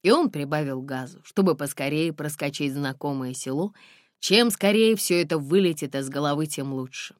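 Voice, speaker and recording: A woman narrating a novel in an expressive audiobook reading. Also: sits low, normal speed, no echo, studio quality. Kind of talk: scripted narration.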